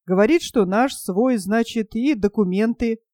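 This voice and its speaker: Casting: woman doing a gruff, blunt male partisan guard, mellow tone, dry close sound, storybook reading. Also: fairly high pitch, a little slow, no room sound, close to an everyday voice. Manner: blunt, scolding, folksy speech. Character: gruff, stern adult male partisan sentry.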